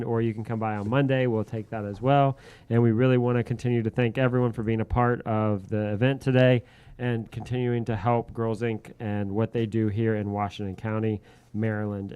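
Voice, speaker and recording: A man's voice: mid-range voice, a little mellow, smooth. A man hosting a radio show, reading a comedy skit and making upbeat charity announcements. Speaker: radio host. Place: radio station studio.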